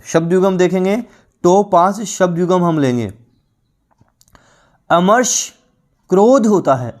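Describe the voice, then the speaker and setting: A man teaching an exam-prep grammar lesson, repeating each word slowly and quizzing with rhetorical questions. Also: high-pitched, a little mellow.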